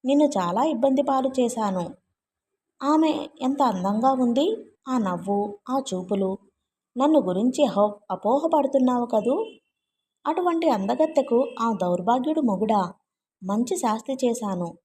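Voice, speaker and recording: A man's voice: very high voice, animated, measured pace, pauses often, darkish tone, slight background noise. A woman reading a brash young man's long rambling, self-mocking speech in a storybook. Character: rambling male friend, brash and wry.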